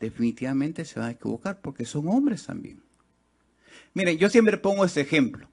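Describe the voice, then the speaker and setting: A man preaching a sermon to a congregation. He swings between loud, high, quick exhortation and slow, quiet confiding, and he often turns to the people with rhetorical questions. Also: very animated, vocal fry, breathy edge. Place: church.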